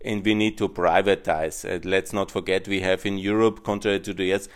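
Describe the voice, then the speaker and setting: Austrian-accented man, smooth, low voice. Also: level tone. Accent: Austrian German. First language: German. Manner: earnest, halting, many filler sounds. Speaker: podcast host. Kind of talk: monologue on policy.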